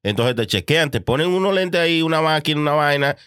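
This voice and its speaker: A man with a Dominican accent talks casually in a bright, slightly high voice, closely recorded without echo. He gives advice in slang, with the odd English word. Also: lively intonation, brisk, smooth, clean studio sound. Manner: slangy, advising, with some English words mixed in. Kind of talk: casual banter among friends.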